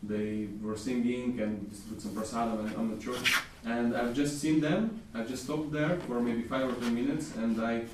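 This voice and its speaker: A man's voice: medium pitch, fairly even intonation, normal speed, hardly any pauses. A man from Crimea, telling a story in a rambling, laughing way. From Ukraine (Crimea). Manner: rambling, laughs easily, repeats words. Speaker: devotee sharing a story. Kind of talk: casual storytelling. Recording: roomy echo, distant mic, faint noise.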